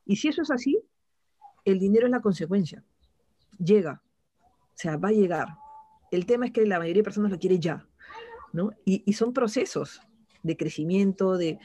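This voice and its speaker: A woman speaking as an interview guest in a relaxed, reflective chat. She keeps tacking little questioning tags onto her phrases and stumbles into restarts. The recording is close and dry, with no room sound. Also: on the low side, no room sound. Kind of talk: casual conversational interview.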